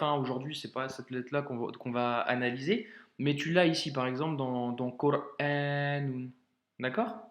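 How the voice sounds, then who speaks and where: A man teaching Arabic reading in an informal video lesson, speaking directly and encouragingly to the learner and slowly sounding out each word. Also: fairly high pitch, echoey room. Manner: slows down to sound out words carefully.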